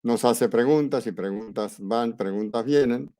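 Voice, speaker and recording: A man's voice: medium pitch, measured pace. A man teaching a class, telling a personal story in a conversational way and acting out the dialogue. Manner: lively anecdote, acts out quoted dialogue; conversational, with fillers and restarts. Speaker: astrology teacher.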